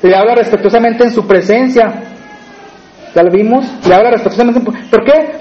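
High-voiced Mexican preacher, chatty sermon. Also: male voice, brisk, muffled recording. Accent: Mexican Spanish. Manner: conversational, asks the congregation questions.

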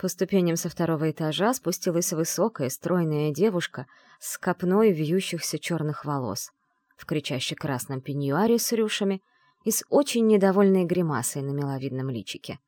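A woman narrating a fantasy novel in a steady, measured way, her voice sitting fairly low. The sound is close and dry, with no room echo. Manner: measured, storytelling. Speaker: audiobook reader. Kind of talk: scripted narration.

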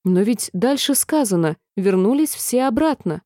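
A bold, spirited young girl from a storybook who speaks up fearlessly, played by a woman. Her voice is raised and bright with exclamations. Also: a little high, animated, moderate pace, no room sound, clean studio sound, natural voice.

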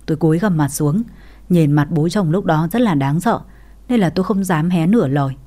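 A woman's voice: deep voice, a little fast, warm tone. A woman narrating a family drama in the first person, in a dramatic storytelling manner.

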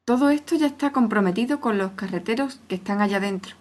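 A woman reading aloud, voicing a male innkeeper who refuses a guest in a measured, firm tone. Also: medium pitch, darkish tone, close to an everyday voice.

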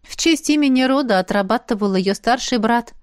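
A woman's voice: fairly high pitch, normal speed, no room sound, clean studio sound. Woman reading a first-person audiobook. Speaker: audiobook reader.

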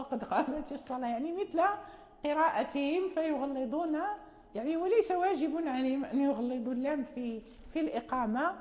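A high-voiced woman teaches Quran recitation, explaining patiently and stretching out each example word slowly while checking in with her students. The sound is muffled and dull, carried on the long echo of a large hall. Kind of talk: classroom lecture. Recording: muffled reverberant hall recording.

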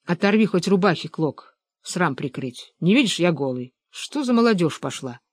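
Woman reading grumpy hoarse old man, low, dry. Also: sing-song, normal speed, darkish tone, no room sound. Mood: grumbling. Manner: grumbling.

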